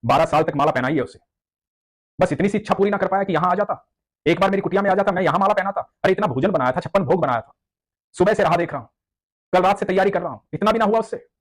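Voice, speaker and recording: A man's voice: mid-range voice, fairly even intonation, rapid-fire, few pauses, breathy edge, natural voice. A man voicing a hurt, resentful old male hermit devotee in a storybook tale. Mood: bitter. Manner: resentful, complaining.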